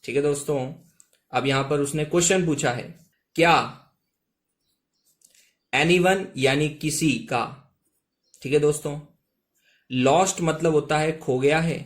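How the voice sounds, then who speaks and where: A man teaching English reading in Hindi, reading each English line slowly, then explaining it word by word. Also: a little high. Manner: repeats "ठीक है दोस्तों", reads English lines very slowly.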